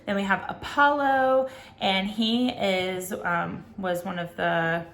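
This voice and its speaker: A woman's voice: mid-range voice, steady tone, slow, a bit bright. A woman tutor giving casual teaching tips at home, chatty and rambling with many ums and self-corrections. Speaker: homeschool co-op tutor. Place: at home, child nearby. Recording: echoey room.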